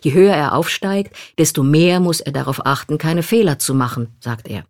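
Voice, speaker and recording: A woman reading a first-person memoir aloud in a calm, reflective manner. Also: sits low, normal speed, no echo, studio quality. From Poland. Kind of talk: scripted literary narration.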